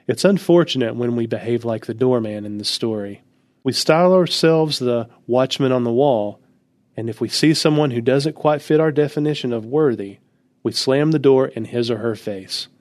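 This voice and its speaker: A man reading a devotional story aloud in a calm, measured storytelling manner. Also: medium pitch, no echo. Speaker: narrator. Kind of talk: scripted devotional narration.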